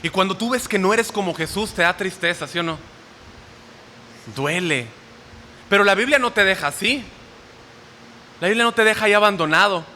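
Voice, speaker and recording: A man preaches a sermon, checking in with his listeners through quick questions. His voice sits high and rings very bright. It carries a long hall reverb with a faint hiss underneath. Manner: asks the audience questions often.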